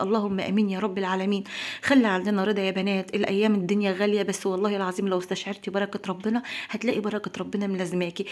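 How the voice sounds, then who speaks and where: A young woman with an Egyptian accent, talking earnestly to her viewers about prayer and blessings. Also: medium pitch. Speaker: lifestyle vlogger. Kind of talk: heartfelt religious talk to viewers.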